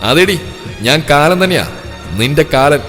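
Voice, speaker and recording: A hot-tempered young village man, played by a storyteller with a loud, blunt delivery, his voice pushed a little above the teller's usual tone. He scolds and teases in a storybook reading heard with a long reverb and soft music behind. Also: fairly high pitch, a little slow, pitched above the performer's own voice. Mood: angry.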